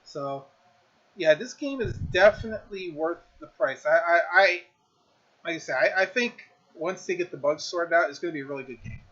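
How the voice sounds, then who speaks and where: A man chats through a relaxed review of a game he has been streaming, stumbling over restarts and fillers as he goes. His voice sits a little high for a man. The stream audio is a bit dull and lo-fi. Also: moderate pace. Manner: rambling, many fillers and restarts. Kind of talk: casual game review chat.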